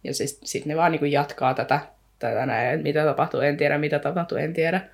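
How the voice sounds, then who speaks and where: Her voice is deep, creaky and slightly rough, with fairly even intonation. As a podcast co-host she rambles through a retelling of the book, leaning on lots of fillers and occasionally reading sections aloud.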